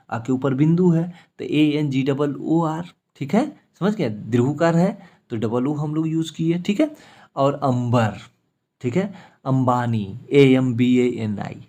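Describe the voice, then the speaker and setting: A man's voice: medium pitch, a little mellow. A man teaching an English spelling lesson, explaining step by step and spelling names out letter by letter, often checking in with his students. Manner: explains step by step, repeats "ठीक है" and "मेरे साथियों".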